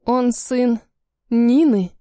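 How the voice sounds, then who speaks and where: A woman's voice: on the high side, expressive, unhurried, mellow, dry recording, studio quality. A woman voicing a frightened young wife who pleads in a trembling voice. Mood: pleading.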